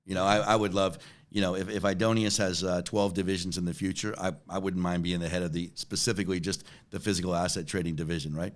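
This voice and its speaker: He talks fast in a low-pitched, flat delivery. A company chief executive in his forties, he answers the interviewer's questions casually, repeating words and often checking in with "right?"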